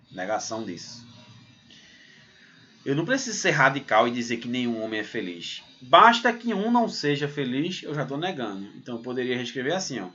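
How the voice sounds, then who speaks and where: A man from Pernambuco leads a recorded math lesson at a middle pitch, walking through each point step by step. His delivery is lively, and he peppers it with "ó" and "né?" tags. The recording sounds somewhat dull and muffled. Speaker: math teacher. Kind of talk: recorded exam-prep lesson.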